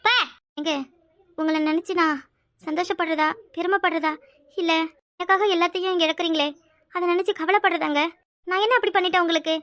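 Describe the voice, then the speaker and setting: A woman voicing a devoted young wife who speaks softly and earnestly. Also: very high voice, fairly even intonation, a little fast, pauses often, dry recording, studio quality. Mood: tender.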